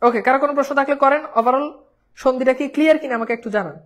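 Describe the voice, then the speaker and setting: A woman's voice: sits high, racing. A woman teaching an exam-prep grammar class, often checking whether her students understand and mixing English words into her speech.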